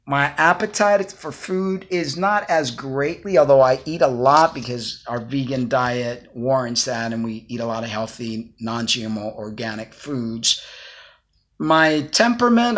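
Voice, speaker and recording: A Cuban man in his fifties vlogs casually to camera from his small living room, rambling earnestly while offering advice. His medium-pitched voice is fairly bright, captured by a phone or laptop camera at arm's length.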